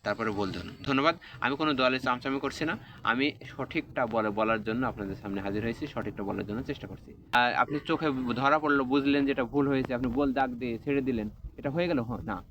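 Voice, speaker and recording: A man's voice: medium pitch, fast, a bit bright, dull audio, a little hiss or hum. A man gives a direct-to-camera lecture, stacking repeated phrases and spelling out letter sounds emphatically. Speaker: video commentator.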